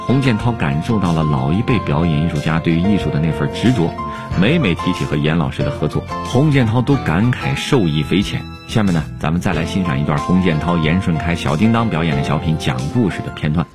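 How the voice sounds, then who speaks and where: Low-voiced male presenter over music. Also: lively intonation, fast talker, hardly any pauses. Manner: formal, promotional announcer delivery. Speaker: programme presenter. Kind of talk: scripted narration introducing comedy clips.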